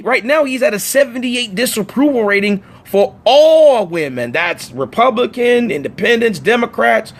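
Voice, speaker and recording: A man with a high, bright voice is talking live to viewers over his phone. He is emphatic and animated, firing off questions and opinions in loose casual chat. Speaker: livestream host. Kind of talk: casual political livestream chat.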